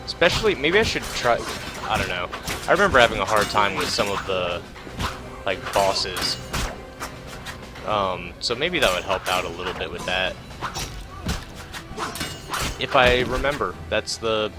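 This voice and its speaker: With game music playing behind him, a man commentates his playthrough in a laid-back, hesitant, rambling way, now and then reading tips aloud. His low voice has lively intonation and a normal speed, broken by frequent pauses.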